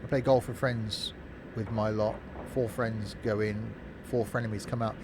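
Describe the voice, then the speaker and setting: Speaking at a normal speed with little pitch movement, this man jokes and chats informally while live-streaming a game and answering viewers. Audio comes from a streaming microphone fed through a mixing desk, with constant background noise and the rumble of a vehicle.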